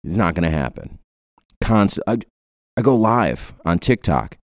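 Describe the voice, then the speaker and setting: Very deep-voiced young man chatting. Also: sing-song, a little slow, no room sound. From Ohio, US. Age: 20s. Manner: rambling, joking, many fillers. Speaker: podcast host. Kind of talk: casual podcast chat.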